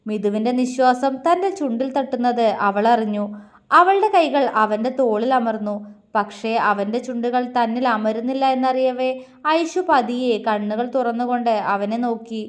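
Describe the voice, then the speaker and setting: Soft-voiced woman reading a romance. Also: fairly high pitch, moderate pace. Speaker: storyteller. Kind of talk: reading a romance story aloud.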